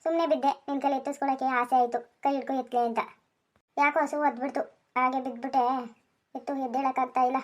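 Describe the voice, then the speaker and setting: A woman's voice: high voice, steady tone, quick pace, highs cut off. A woman voicing a fussy middle-aged village farmer husband in a cartoon, grumbling and nagging. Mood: rueful. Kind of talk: Kannada cartoon voice acting.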